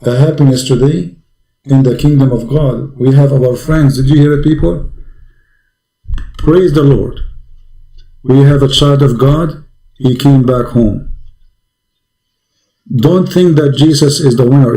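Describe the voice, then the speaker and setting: A man's voice: mid-range voice, a little slow, long pauses, mellow, roomy sound, poor audio. A man preaching to a caller with great passion. He fires off repeated rhetorical questions and speaks English with non-native grammar.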